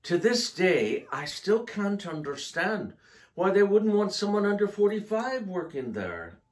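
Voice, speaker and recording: Slow, playful man telling jokes. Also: background noise. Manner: slow, playful joke-telling with lively pitch. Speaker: co-host. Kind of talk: casual comedic chat.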